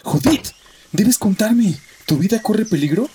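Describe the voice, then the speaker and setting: A man's voice: high-pitched, animated, a little slow, background noise. A man acting a stressed, stubborn zoo owner in an audio drama, earnest and exasperated. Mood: alarmed, exasperated.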